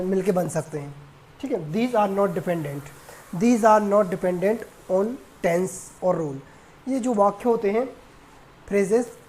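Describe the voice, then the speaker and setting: A woman's voice: medium pitch, warm tone. A woman teaching a beginner spoken English lesson. She mixes two languages, acts out everyday example phrases and keeps checking in with "है ना?".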